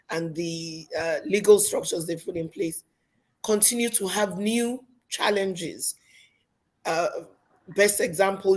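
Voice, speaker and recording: A Nigerian woman in her fifties with a raspy voice from a cold, speaking in a measured way as a panelist. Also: lowish voice, darkish tone. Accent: Nigerian English. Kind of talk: conference panel discussion.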